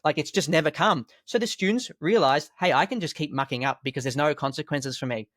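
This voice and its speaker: Calm, animated teacher man, dry sound. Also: fairly high pitch, brisk, dry recording. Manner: calm, storytelling, animated emphasis with rhetorical questions. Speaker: school teacher and martial arts instructor. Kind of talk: conversational podcast explanation.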